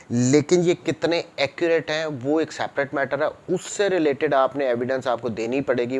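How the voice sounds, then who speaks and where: Speaking in a mid-range, slightly mellow voice, a man with a Pakistani accent lectures on law in a didactic manner. He reads formal text aloud, explains it, and switches back and forth between Urdu and English.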